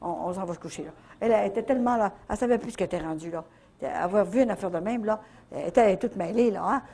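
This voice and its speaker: An older woman with a Canadian French accent telling a faith testimony at a retreat, in a lively storytelling manner full of little verbal tags. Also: medium pitch, very fast. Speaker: retreat speaker.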